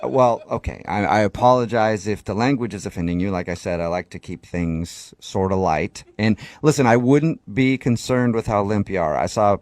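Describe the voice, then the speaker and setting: A man pranks a caller on the radio, posing as a doctor. His tone is deadpan and sly, and he keeps holding back laughs. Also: fairly low pitch, brisk, hardly any pauses, no echo.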